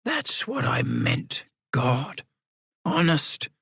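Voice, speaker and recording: Man acting elderly ex-convict, small and evasive, high swooping voice, drawn-out protests, whimsical, storybook character. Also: huge pitch swings, gravelly, fairly bright tone, breathy edge, no room sound, clean studio sound, heavily acted. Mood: defensive, pleading. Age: older.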